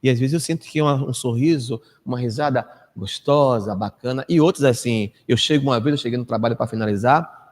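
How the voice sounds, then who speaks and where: A Brazilian man in his fifties giving a storytelling lecture to a live audience, acting out quoted people and dropping to a hush at times. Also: fast talker. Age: 50s. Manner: anecdotal, acts out quoted people with big pitch swings, drops to a hush. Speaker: spiritist lecturer. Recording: echoey hall reverb.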